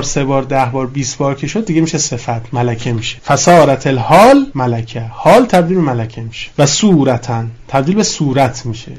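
A man lecturing on religious ethics in a conversational way. He mixes recited Arabic phrases into casual talk and often speeds up and slows down. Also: fairly high pitch, a little mellow. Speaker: cleric lecturer.

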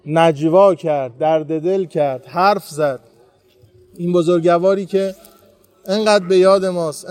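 A man's voice: sits high, darkish tone, dry recording. A man preaching to pilgrims at a shrine, telling stories in an earnest, heartfelt way. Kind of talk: devotional talk to pilgrims.

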